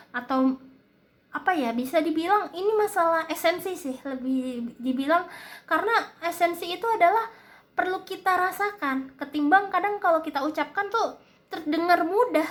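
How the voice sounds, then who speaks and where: A woman's voice: high voice, fairly bright tone. A woman with an Indonesian accent and a slight lisp that occasionally slurs her r, giving a casual forecast and advice in a hesitant, explanatory way. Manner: hesitant, searching for words, explanatory. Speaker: tarot-style reading host.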